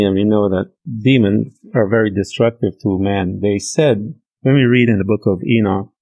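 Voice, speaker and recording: Male preacher, husky and dark, emphatic conversational sermon, dry close sound. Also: lowish voice, no echo, poor audio.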